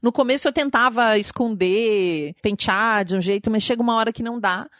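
A woman's voice: on the high side, brisk, fairly bright tone, no room sound, studio quality. A woman with a Brazilian Portuguese accent, telling a personal story in an interview, reflective and emotional. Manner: emotional, reflective storytelling with many tag questions.

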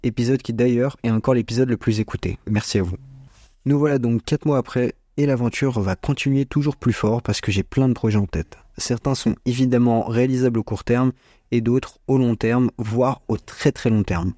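Young man, twenty, mellow voice, slangy casual delivery, scripted podcast monologue, dry bedroom sound. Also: mid-range voice, steady tone, fairly quick, dry recording. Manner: informal, slangy, chatty. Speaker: podcast host. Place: small bedroom at parents' home, dry sound. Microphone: small home microphone.

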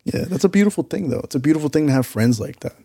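A man's voice: a little high, lively intonation, rapid-fire, vocal fry, warm tone, no echo, clean studio sound. A man co-hosting a podcast, chatting casually and reflectively with everyday slang. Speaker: podcast co-host. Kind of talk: casual chat.

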